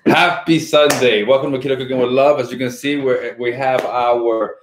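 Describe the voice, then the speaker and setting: A middle-aged New York City man hosts a live home cooking stream with his wife from a dining room turned studio, chatty and enthusiastic with drawn-out asides. A far-off camera mic catches his steady, mid-range voice amid background noise, room echo and kitchen clatter.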